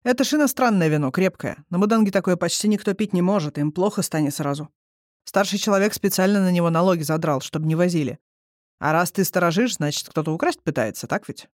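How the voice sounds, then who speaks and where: Drunk bossy demon guy, reader putting him on, slow slurry talk, dry close sound, mid pitch. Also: no room sound, lightly acted. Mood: easygoing. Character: drunken boastful male demon lord, progenitor of monsters. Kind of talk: audiobook character reading.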